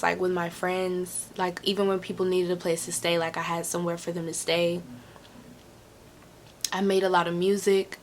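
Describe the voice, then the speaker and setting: A woman's voice: on the low side, a little hiss or hum. A woman answering viewer questions in a casual, candid way, repeating phrases for emphasis and swearing freely. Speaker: host of a Q&A.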